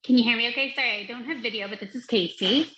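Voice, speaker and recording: A woman's voice: on the high side, fast, sharp tone. A woman from a lending institution asking an earnest, careful question in an online panel. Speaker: audience member from a lending institution. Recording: dull echoey online call audio.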